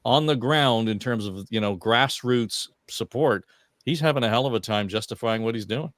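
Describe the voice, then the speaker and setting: A man's voice: medium pitch, normal speed, a bit bright, no room sound, clean studio sound. A man hosting a podcast discussion, conversational, handing questions to his guests. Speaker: podcast host.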